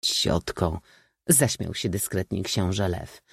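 Brief: male audiobook narrator, measured and expressive, lively intonation, dry close recording. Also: lowish voice, gravelly, breathy edge, no room sound. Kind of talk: audiobook reading.

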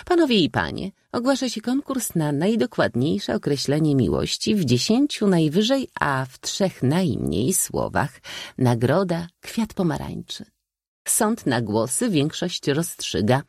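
Man putting on a shrill, theatrical old maid aunt. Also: wildly swooping pitch, a little slow, vocal fry, darkish tone, dry recording, studio quality, exaggerated voice. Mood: teasing. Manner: shrill, teasing and declamatory. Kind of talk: audiobook reading.

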